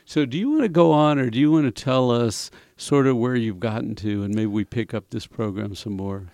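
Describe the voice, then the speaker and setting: Mellow, affirming man co-hosting. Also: mid-range voice, a little fast, creaky, no room sound. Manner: affirming, encouraging. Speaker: podcast co-host. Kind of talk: faith-based conversational talk.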